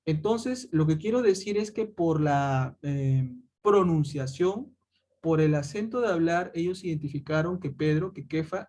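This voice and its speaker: High-voiced man teaching. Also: a little mellow. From Peru. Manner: addresses listeners as "chicos", asks rhetorical questions. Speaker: Bible teacher. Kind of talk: explanatory Bible lesson.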